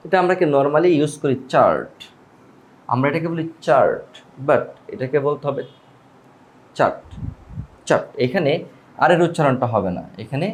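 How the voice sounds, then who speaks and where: A man teaching English pronunciation, repeating each word and quizzing the listener. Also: on the high side. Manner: repeats each word slowly, asking the viewer back. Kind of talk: spoken language lesson.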